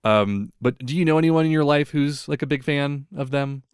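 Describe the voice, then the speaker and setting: A man's voice: on the high side, moderate pace, clean tone, no echo, clean studio sound. A young man hosting a podcast, telling stories in a rambling, casual way full of "like" and other fillers. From United States. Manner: rambling storyteller, filler-heavy, lots of "like". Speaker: podcast host. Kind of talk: casual chat.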